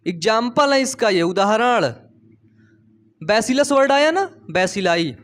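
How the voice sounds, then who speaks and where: A male biology teacher with a high, very animated voice, telling playful stories to explain his lesson. He keeps asking his listeners questions and repeating the terms back to them. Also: a little slow. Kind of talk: storytelling classroom lecture.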